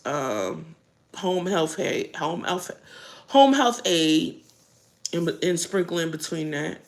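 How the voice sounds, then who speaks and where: A woman's voice: lowish voice, gravelly. A middle-aged American woman chatting casually and bluntly in a rambling vlog while she eats, her mouth sometimes full. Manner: blunt, earthy. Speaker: vlogger.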